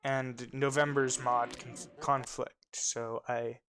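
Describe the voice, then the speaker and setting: A man's voice: mid-range voice, flat delivery, takes it slowly, crowd noise. A man casually chatting while playing a game and thinking aloud as he goes. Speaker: co-host of a game playthrough. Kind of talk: casual let's play chat. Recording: music playing underneath.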